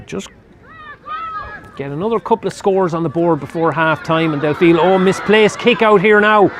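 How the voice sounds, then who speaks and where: A man's voice: moderate pace, fairly bright tone, slight background noise. A man with an Irish accent giving live play-by-play commentary at a match, rising sharply when a score comes. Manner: rises sharply in pitch and volume at scoring chances.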